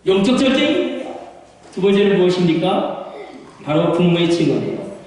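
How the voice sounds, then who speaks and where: Male pastor, impassioned sermon, high swooping voice, long church reverb, distant mic. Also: big pitch swings, normal speed. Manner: impassioned preaching, swings between hushed and shouted exhortation. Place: church sanctuary.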